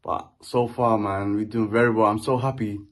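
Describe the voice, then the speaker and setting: A man's voice: on the low side, fairly even intonation, moderate pace. A man giving a casual reaction as a football fan in short exclamatory phrases. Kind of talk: casual self-recorded reaction.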